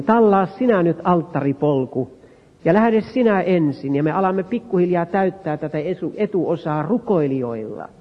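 A man with a high voice preaches a fervent revival sermon in a church sanctuary, pressing his words with emphasis and rising into loud, pleading prayer. His voice rings with a long hall reverb, and the recording sounds dull and muffled. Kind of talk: revival sermon and altar call.

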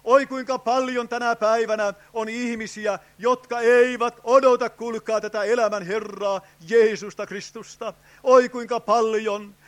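A man's voice: very high-pitched, fairly even intonation, a bit bright. An older man preaching an evangelistic sermon at a tent revival, fervent and pleading, crying out "oh" and calling to his friends. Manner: fervent, with frequent drawn-out "oh" cries and direct appeals to "friends".

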